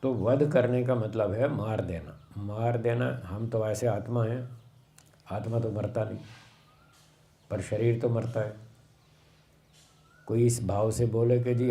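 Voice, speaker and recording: A man giving a sermon on scripture, slow and explanatory, repeating phrases for emphasis. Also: fairly low pitch, warm tone. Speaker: swami giving a Vedic discourse.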